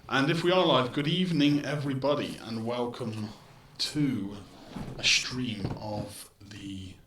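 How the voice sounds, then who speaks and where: Heard from a distance through a built-in webcam mic, a man with a mid-range voice streams a game live at an unhurried pace, chatting and musing aloud. The audio echoes as if he were in a tunnel, with faint ambient noise.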